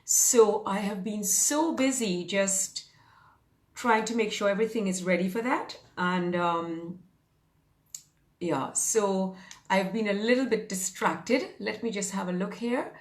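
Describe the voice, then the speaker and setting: Speaking at a measured pace in a mid-range voice, this woman in her fifties comes across in an echoey room. She's a fitness and mindset coach on a live stream, captured by phone or webcam, cheerfully rambling and filling pauses often.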